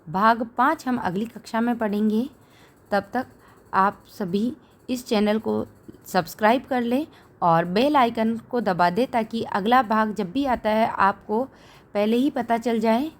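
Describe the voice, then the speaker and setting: A woman teacher reading a novel aloud for a lesson, with expressive delivery. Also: a little high, unhurried. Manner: expressive reading, voices raised for quoted quarrels.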